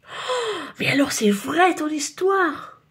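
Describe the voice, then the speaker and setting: A woman voicing a slow, wide-eyed little boy in a storybook reading, drawling in amazement. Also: a little high, expressive, breathy edge. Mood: amazed.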